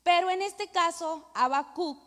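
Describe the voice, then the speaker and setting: Speaking unhurriedly in a very high, bright, forceful voice, a middle-aged Venezuelan-accented woman pastor preaches and prays, repeating devotional phrases emphatically. The church hall gives the recording a long reverb.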